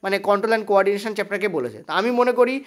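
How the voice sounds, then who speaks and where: A fast-talking teacher with a West Bengal Bengali accent runs through an online exam-prep lesson at a quick clip. The voice sits at an ordinary middle pitch. It keeps checking in with the students and mixes English words into its Bengali. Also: animated. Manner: brisk, repeats "okay?" checks, mixes in English terms; thinks aloud while checking notes.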